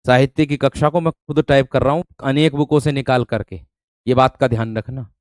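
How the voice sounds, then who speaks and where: Clear-voiced male online teacher. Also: mid-range voice, steady tone, a little fast, no echo, studio quality. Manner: repeats words, asks rhetorical questions, calls listeners "my friend". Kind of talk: online spelling lesson.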